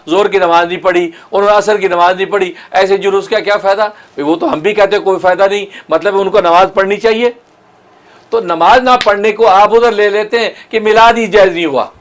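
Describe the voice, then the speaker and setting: A man preaching as a mufti, arguing point by point in a rhetorical lecture and quoting scripture. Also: high voice. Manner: rhetorical, argumentative, quotes scripture. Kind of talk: religious lecture.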